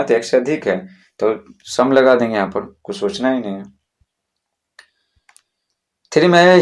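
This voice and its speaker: A man, teaching English grammar to schoolchildren in a slow, repetitive way, often checking that students follow. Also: mid-range voice. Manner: slow, repetitive classroom explaining with frequent checks.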